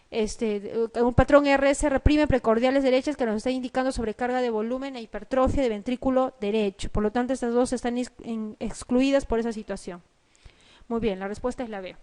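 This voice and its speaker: Peruvian lady going over exam questions, high clear voice, lots of rhetorical questions. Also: darkish tone. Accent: Peruvian Spanish. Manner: explains step by step, asks rhetorical questions. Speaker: medical lecturer. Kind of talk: exam review lecture.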